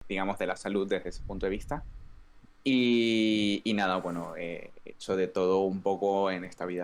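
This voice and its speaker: Male doctor guest, lowish voice, reflective and hedging. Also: vocal fry. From Venezuela. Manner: thoughtful, hedging, with fillers. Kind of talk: interview answers.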